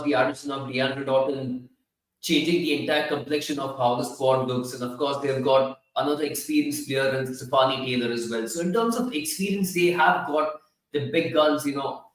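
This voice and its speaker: A man with an Indian accent giving measured, wordy unscripted sports analysis. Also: mid-range voice, a bit bright. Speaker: cricket analyst. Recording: very echoey room, distant from mic.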